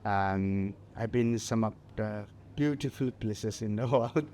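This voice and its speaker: Halting Nepali-accented man in interview. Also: on the low side, mellow, a little hiss or hum. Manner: halting, many fillers, laughs lightly. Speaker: guest mountaineer. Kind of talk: festival stage interview.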